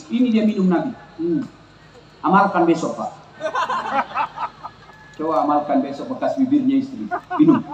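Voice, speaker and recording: Joking Makassar preacher, high voice, echoey square. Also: male voice, a little hiss or hum. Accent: Makassar Indonesian. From Indonesia. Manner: comic storytelling, teasing the audience. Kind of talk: humorous sermon to a crowd. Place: outdoor town square gathering.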